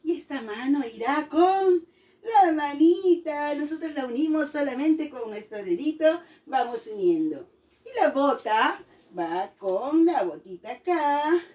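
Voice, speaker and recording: A woman's voice: sits high, expressive, unhurried, a little mellow, distant mic. A woman teacher giving a playful, singsong lesson to young children, coaxing them along.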